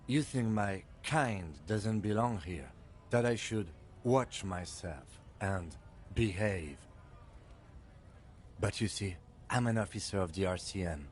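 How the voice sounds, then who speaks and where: Brief: a composed game cop, lowish voice, measured and firm. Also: male voice. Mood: stern. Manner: measured, quietly stern. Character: calm, composed police lieutenant, firm and dry.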